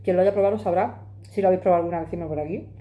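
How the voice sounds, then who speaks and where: A woman from Madrid in her forties eats and chats rapid-fire to a phone camera on her kitchen table for a casual vlog. Her lowish voice sounds narrow, and the audio is tinny. She's chatty and emphatic, talking with her hands.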